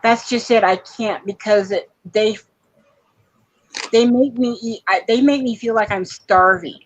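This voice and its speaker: A woman's voice: on the high side, a little slow, dry recording, highs cut off. A woman from Florida in a casual chat, speaking frankly and wryly. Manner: frank, complaining, wry. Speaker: guest in chat.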